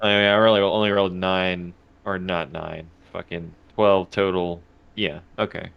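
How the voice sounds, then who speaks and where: A man's voice: sits low, flat delivery, moderate pace, gravelly, clean tone, dull audio. A man playing a warrior in a tabletop game, joking crudely with friends. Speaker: player. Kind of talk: casual tabletop game chat.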